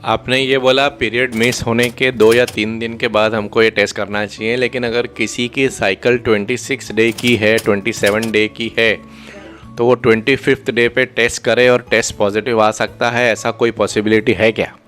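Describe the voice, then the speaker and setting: A man gynecologist co-hosting, explaining biology in a measured way and putting questions to his colleague. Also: mid-range voice, level tone, a bit bright, soft background music. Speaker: gynecologist co-host. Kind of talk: medical explainer conversation.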